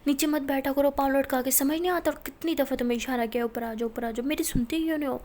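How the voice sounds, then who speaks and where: A woman's voice: sits high, steady tone, fairly quick, a little mellow. A woman voicing a hot-tempered young college woman who scolds and fusses. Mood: scolding. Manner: scolding, fussy.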